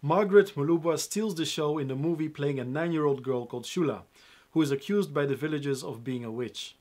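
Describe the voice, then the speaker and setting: A man's voice: on the high side, fairly quick, darkish tone. A young man presenting a film review to camera in an upbeat, emphatic way, speaking straight to his viewers.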